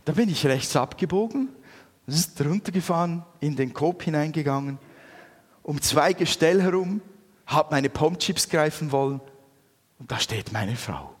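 Lively Swiss German preacher in a hall. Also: male voice, a little high, normal speed, husky. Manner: lively storytelling, animated. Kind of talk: anecdotal sermon. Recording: long reverb in a hall.

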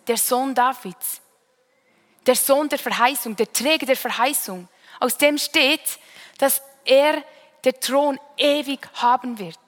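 A woman's voice: a little high, fairly bright tone, big-room sound. A woman from the Bern region of Switzerland with a Swiss German accent, preaching a sermon in a conversational way and often adding a questioning "right?" at the end of a phrase.

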